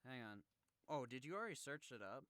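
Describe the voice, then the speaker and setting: A man's voice: medium pitch, very animated, a little fast, fairly bright tone, no room sound. A young man co-hosting a podcast in casual chat, laughing often and swearing freely while thinking aloud. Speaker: podcast co-host.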